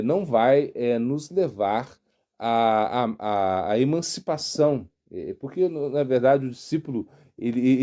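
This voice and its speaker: A middle-aged man with a Brazilian Portuguese accent, a monk giving a devotional sermon in an unhurried storytelling way, pausing to search for words. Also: mid-range voice, dark tone. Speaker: monk and spiritual teacher.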